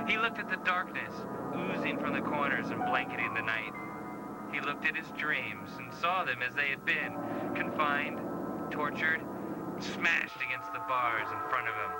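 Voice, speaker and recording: A man giving dramatic, wry scripted narration for an animated short. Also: medium pitch, rough recording. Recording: hissy VHS tape rip.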